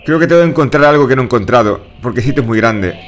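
A man's voice: mid-range voice, lively intonation, very fast. Jumpy swearing man with a Spain accent. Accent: Spain Spanish. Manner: jumpy, swears a lot, talks to himself. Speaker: gaming streamer. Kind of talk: horror game let's play commentary.

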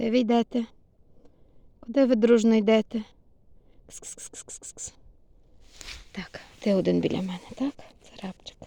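A woman's voice: fairly high pitch, fast talker, gravelly, warm tone, no echo. A woman cooing affectionate baby talk to her cats, filmed outdoors on a phone in a snowy yard. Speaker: cat owner filming her cats. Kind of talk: casual vlog, baby talk to pets.

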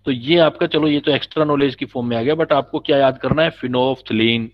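A man's voice: mid-range voice, fairly quick. A man teaching a chemistry class, patiently explaining and quizzing his students. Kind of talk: classroom lecture. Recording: dull lo-fi recording.

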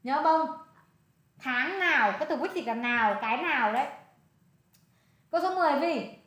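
High-voiced Vietnamese woman tutoring. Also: animated, moderate pace, a bit bright. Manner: coaxing, repeats answers, switches between Vietnamese and English words. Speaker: English tutor. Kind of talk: one-on-one tutoring session. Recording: echoey room.

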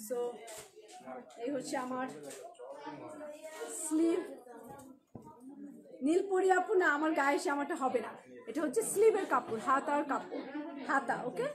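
Bangladeshi lady showing off dresses on a live stream from her shop, high voice, jokey and chatty. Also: lively intonation, a little slow, long pauses, a crowd in the background. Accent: Bangladeshi Bengali. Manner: chatty and joking, greets viewers by name. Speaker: clothing shop owner selling on a live stream. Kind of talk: live-stream sales chat with viewers. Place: clothing shop.

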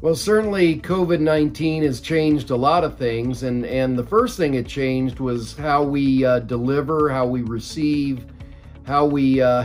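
An older man, a company executive, answering interview questions at length from a home study over a video call, measured and explanatory with frequent fillers. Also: medium pitch, darkish tone. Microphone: video call webcam.

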